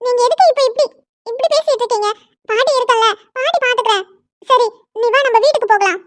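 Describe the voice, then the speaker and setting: A woman doing a gentle cartoon grandmother. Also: very high voice, fast talker, dry recording. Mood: soothing. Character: elderly grandmother, calm and soothing.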